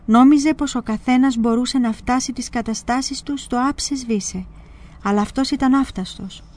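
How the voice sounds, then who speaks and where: A woman presenter reading a spiritual memoir aloud in a measured, expressive way. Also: fairly high pitch.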